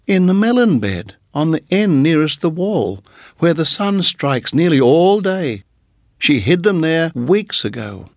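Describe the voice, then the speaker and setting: Man doing a chirpy little tailorbird, sing-song and scatterbrained, pitched well above his usual voice, with a gravelly edge, storybook reading, dry close sound. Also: measured pace, no echo. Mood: excited praising. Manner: sing-song, high and excitable. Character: feather-brained little male tailorbird, boastful.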